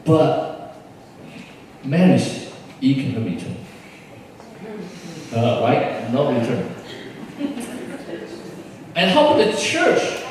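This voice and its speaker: Far-off pastor in an echoey church. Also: male voice, mid-range voice, huge pitch swings, takes it slowly, pauses often, noisy background. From Taiwan. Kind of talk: sermon. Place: large church hall.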